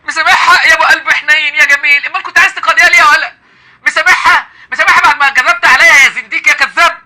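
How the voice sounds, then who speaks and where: An Egyptian man hosts a heated live call-in, taunting his caller with mocking laughter. His speech races along at a very fast clip. His voice is high and sharply bright. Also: steady tone. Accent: Egyptian Arabic. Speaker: live-stream host. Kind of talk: confrontational live call-in debate.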